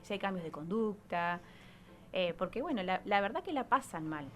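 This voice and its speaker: Faint music plays behind an Argentine woman, a psychologist being interviewed in a radio studio, who explains things conversationally and often seeks agreement with short tag questions. Her Argentine Spanish delivery is animated, mid-range, and fairly bright, at normal speed.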